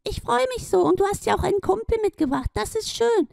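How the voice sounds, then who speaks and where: A woman's voice: very high-pitched, animated, fast, gravelly, darkish tone, no echo, clean studio sound, pitched above the performer's own voice, heavily acted. A woman voicing a small, glowing hippo-like creature who gushes with friendly, effusive delight. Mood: gushing. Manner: effusive, gushing welcome.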